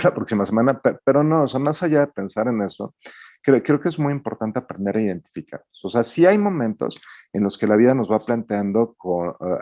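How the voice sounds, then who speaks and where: A man giving a webinar talk on emotional intelligence, animated and slipping into mock dialogues. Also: mid-range voice, no room sound, dull audio.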